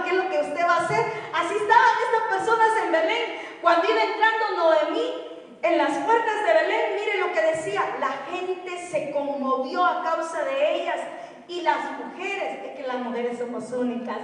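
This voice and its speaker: A woman pastor, preaching a lively sermon and asking the congregation questions. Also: extremely high pitch. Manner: lively, talks straight to the congregation with rhetorical questions. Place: church. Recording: echoey church hall from far off.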